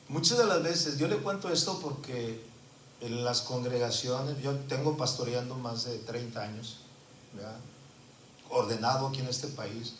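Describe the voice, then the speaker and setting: A pastor in his fifties preaches earnestly, often adding tag questions, his bright, forceful voice ringing out. He sounds set back from the microphone in an echoey church, with faint noise underneath. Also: medium pitch, recorded from a distance. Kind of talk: sermon with personal testimony.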